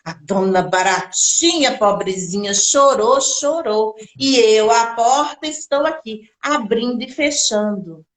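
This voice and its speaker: A woman's voice: a little high, expressive, slow pace, few pauses. A woman voicing a kindly talking kitchen door in a children's folktale, with a sing-song storytelling lilt and an echoey room. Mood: sympathetic.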